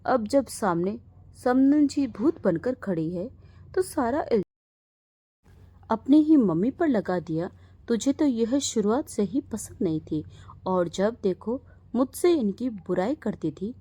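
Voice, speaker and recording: A woman voicing a sharp-tongued older mother in a storybook tale, scolding and indignant. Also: a little high, lively intonation, slow pace, slightly rough, heavily acted. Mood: furious.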